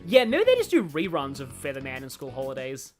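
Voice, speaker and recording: A woman live streams a game, thinking aloud and chatting with viewers in a rambling, opinionated way. Her voice is rumbling low and darkish, with wildly swooping pitch and a brisk pace. Soft music plays in the background.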